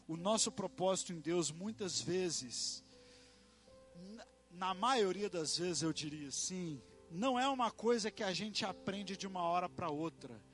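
A man's voice: sits high, a bit bright. A man preaching a sermon, emphatic and rhythmic, repeating phrases and calling out amen to the congregation.

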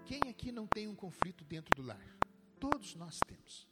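A middle-aged man preaching a sermon in a church, swooping from low to high as he presses his points. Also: sing-song, normal speed. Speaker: pastor. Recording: loud music behind the voice.

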